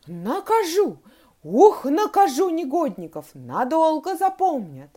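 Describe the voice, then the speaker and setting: A woman voicing a strict, easily angered female schoolteacher who scolds her pupils in sharp outbursts, as she reads a story aloud to children. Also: sits high, very slow, exaggerated voice. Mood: shouting. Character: strict irritable female schoolteacher, middle-aged.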